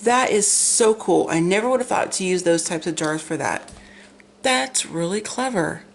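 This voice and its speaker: A woman's voice: on the low side, animated, moderate pace, gravelly, a little hiss or hum. A middle-aged American woman chatting casually and rambling through a craft vlog, gushing, with slightly imprecise, tongue-forward articulation. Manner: rambling, gushing over pictures. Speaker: craft vlogger. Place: at home, indoors.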